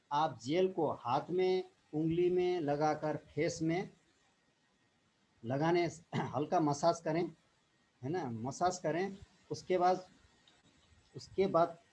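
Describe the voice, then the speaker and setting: A man's voice: on the high side, darkish tone, slight background noise, rough recording. Man with a raised voice giving a pep talk. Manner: repetitive, with frequent tag questions and throat clearing. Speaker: direct-selling distributor. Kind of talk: informal motivational talk.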